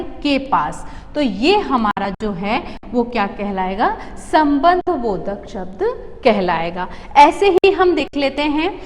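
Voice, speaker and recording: High-voiced woman teaching grammar slowly. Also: long reverb tail. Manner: slow, word-by-word dictation of example sentences; repeats phrases and asks the class questions. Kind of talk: grammar lesson for children.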